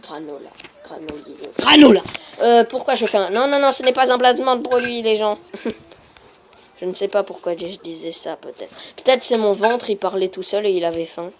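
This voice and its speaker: A woman giving casual, rambling gameplay commentary that breaks into frustrated shouts. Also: medium pitch, fairly quick, a little hiss or hum. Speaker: gaming video creator.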